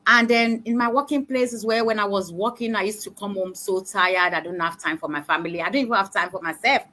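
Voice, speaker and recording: On a live-streamed panel, a woman shares her personal story with earnest hesitation and plenty of fillers. Her mid-range voice is bright and pushed, moving a little fast.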